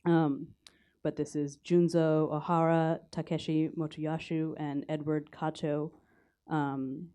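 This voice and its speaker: An American woman, a magazine photo editor, talking through slides at a conference panel in a halting, low-key way. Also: flat delivery, dark tone. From United States. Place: university conference hall.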